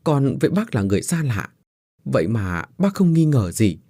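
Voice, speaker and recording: A man's voice: mid-range voice, big pitch swings, normal speed, mellow, dry recording, studio quality. A man voicing a frail, tearful poor young mother who stammers and pleads politely. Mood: tearful gratitude.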